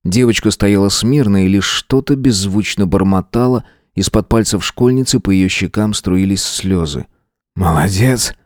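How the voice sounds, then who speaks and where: Male audiobook narrator, measured and steady, lowish voice, dry recording. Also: no room sound.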